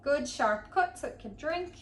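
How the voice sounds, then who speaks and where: A woman works as a florist and gives a chatty, informal hands-on tutorial, talking casually while she demonstrates. Her high voice is animated and a little slow. The recording has a roomy echo, a distant mic, and background noise.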